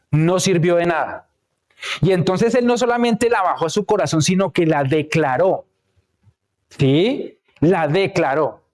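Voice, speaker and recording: Sermonizing in a church, a man with a slightly high, slightly mellow voice keeps things conversational. He shares personal stories and keeps checking in with the listeners, tossing out "¿sí?".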